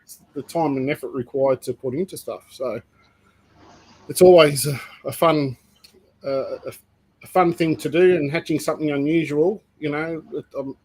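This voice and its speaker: A man's voice: a little high, normal speed, a little mellow, husky, poor audio. A man co-hosting a reptile livestream, telling stories in a rambling, filler-heavy casual way. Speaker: co-host of a reptile breeding livestream. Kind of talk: casual chat.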